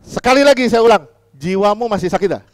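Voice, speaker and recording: A man preaching a sermon as pastor, putting questions to the congregation, repeating key lines and swinging between loud emphatic lines and quiet asides. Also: high-pitched, expressive, fast talker, no room sound, studio quality.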